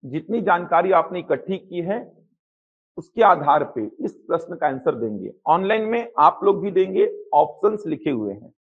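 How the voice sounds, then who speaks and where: A man's voice: on the high side, lively intonation, normal speed. A man teaching a live math coaching class to a classroom and online viewers. He asks the students questions, answers them himself, and repeats the key points. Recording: slightly dull lo-fi classroom audio.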